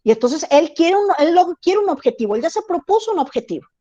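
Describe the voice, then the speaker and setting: A woman's voice: very high-pitched, big pitch swings, fast talker, warm tone. A woman teacher giving an online class, explaining and often checking that students follow. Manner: explains with repeated check-in questions. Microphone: video call. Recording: dull lo-fi video call audio.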